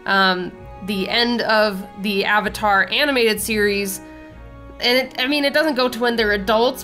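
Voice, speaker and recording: Drawing as she talks, the young host of a casual art channel sounds a bit stuffy and nasal from a cold. Her mid-range voice has a sharp edge. She rambles on in a chatty, fan-talk style.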